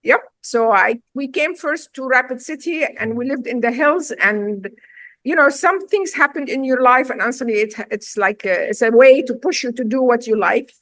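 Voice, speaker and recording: A woman's voice: sits high, moderate pace, fairly bright tone, no room sound. A middle-aged woman from Syria with a Syrian accent, a chef and restaurant owner telling her story in a casual interview, emphatic and direct.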